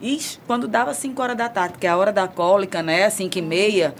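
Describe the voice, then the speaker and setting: A woman's voice: mid-range voice, a little fast, slight background noise. A woman in her forties with a Northeastern Brazilian accent, candidly telling a personal story on a talk show. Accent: Northeastern Brazilian Portuguese. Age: 40s. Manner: candid, storytelling, animated retelling. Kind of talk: casual talk-show chat.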